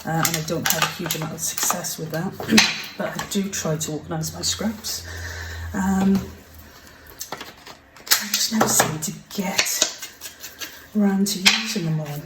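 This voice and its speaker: A woman with a fairly low voice talks slowly through a casual crafting tutorial, chatty and apologetic, now and then slipping into a half-whisper. She sits some way from the mic in a roomy space, and dishes and pans clatter clearly in the background. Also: fairly even intonation, heavy background noise. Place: home craft desk. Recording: roomy, mic set far off, kitchen clatter behind.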